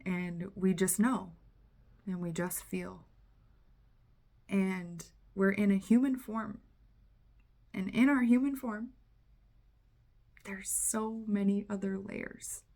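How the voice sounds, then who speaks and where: A woman gives a casual spiritual channeling talk as a tarot reader and coach. She speaks candidly and earnestly, drops the odd swear word and acts out inner voices with animation. Her pitch sits in the middle range for a woman. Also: steady tone, slow, gravelly, pauses often, darkish tone.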